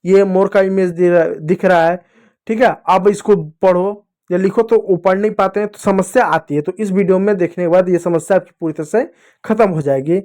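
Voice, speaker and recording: A man teaching children to read Hindi, asking the class questions and slowly drilling each letter sound. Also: high-pitched, steady tone, darkish tone. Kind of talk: children's Hindi reading lesson.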